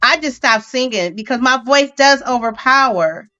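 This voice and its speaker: Rambling on at length as a podcast co-host, a woman fills a casual interview chat with fillers and restarts. She speaks high and expressively at a moderate pace, with a sharp tone, over soft background music, and the recording sounds dull and lo-fi.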